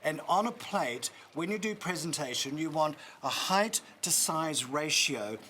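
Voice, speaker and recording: A man's voice: fairly high pitch, animated, measured pace, sharp tone, slight background noise. A man with a New Zealand accent demonstrating a recipe on a cooking show, chatty and instructive with joking asides.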